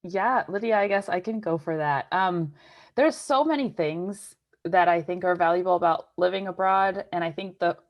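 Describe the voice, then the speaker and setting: A woman with a very low voice, from Pittsburgh, joins a webinar by video call. She talks in a reflective, conversational way with frequent fillers. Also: normal speed, dull audio. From Pittsburgh, USA. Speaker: guest speaker. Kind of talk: casual video call chat.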